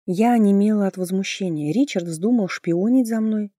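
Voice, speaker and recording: A woman narrating a fantasy audiobook in the first person, lively and expressive in her storytelling. Her tone is mellow and soft-edged, and the close mic keeps it dry with no room sound. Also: mid-range voice, normal speed, no room sound.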